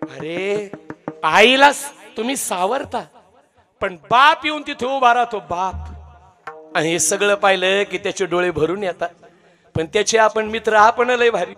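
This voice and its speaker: Bright, high-voiced kirtan preacher. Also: male voice, measured pace, soft background music. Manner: lively, dramatic storytelling. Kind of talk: devotional kirtan sermon with song.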